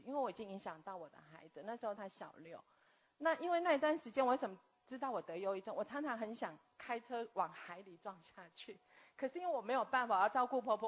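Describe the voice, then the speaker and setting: A woman, telling a personal story earnestly and haltingly as a guest. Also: fairly high pitch, breathy edge. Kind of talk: personal testimony. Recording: tinny phone-like audio.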